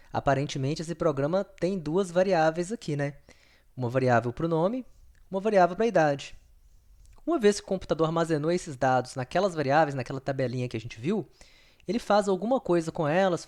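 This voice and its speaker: In this recorded screen-share programming lesson, a man with a fairly high, darkish voice teaches patiently, repeating himself and often checking in with his students.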